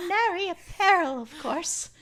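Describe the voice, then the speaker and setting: A woman voicing an excitable, grandiose young adventurer in a game, exclaiming pompously in old-fashioned wording. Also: extremely high pitch, measured pace, voice pushed up. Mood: boastful.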